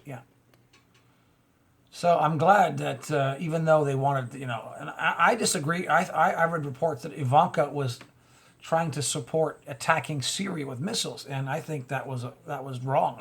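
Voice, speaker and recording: A man's voice: fairly high pitch, gravelly, slightly rough. A man reading news items aloud and firing back with mocking, heated asides in casual commentary. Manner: reads news lines then rants back with mocking asides.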